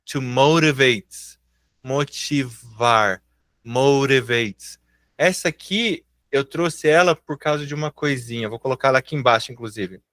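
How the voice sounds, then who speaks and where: A Brazilian man with a slightly high voice teaches in a live class, patient and encouraging. He stretches the words he is showing into slow, careful sounds. His voice is dry and close to the mic. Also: lively intonation, fairly bright tone, dry recording. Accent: Brazilian Portuguese. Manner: encouraging, patient, slowly drawls out example words. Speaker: English teacher.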